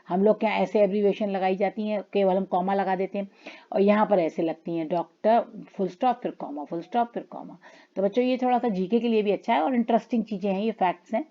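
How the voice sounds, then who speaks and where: Hindi-speaking woman teacher with a lo-fi sound. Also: medium pitch. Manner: addresses students as children, reads English lines slowly. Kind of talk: classroom lesson explaining grammar.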